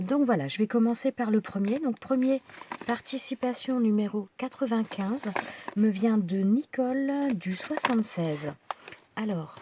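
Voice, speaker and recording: A woman's voice: medium pitch, noisy background. A middle-aged woman vlogging at home, chatting hesitantly as she opens her mail, with small whispered asides. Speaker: craft vlogger. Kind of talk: casual unboxing chat.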